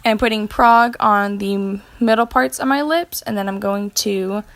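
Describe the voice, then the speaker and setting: A woman's voice: mid-range voice, normal speed. A young woman narrating a makeup tutorial in a casual, chatty way, with filler words and self-corrections, while she has the hiccups. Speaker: beauty vlogger.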